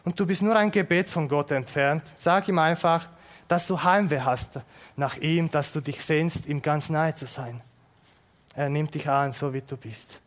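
A male pastor delivers a sermon. He speaks earnestly and often sinks into a soft, hushed tone. His voice sits slightly higher than most men's. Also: unhurried.

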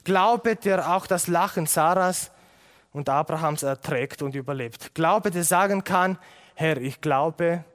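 Earnest preacher man, slightly high voice. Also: measured pace, fairly bright tone. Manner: earnest, builds points through repeated phrases. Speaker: pastor. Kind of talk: sermon.

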